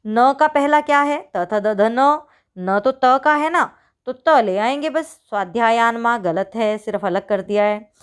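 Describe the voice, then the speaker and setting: A woman teacher going through a worksheet for her pupils, asking questions and answering them herself, and reading each example out slowly. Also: on the high side, clean tone. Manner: talks to pupils as children, asks and answers her own questions. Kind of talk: online worksheet walkthrough.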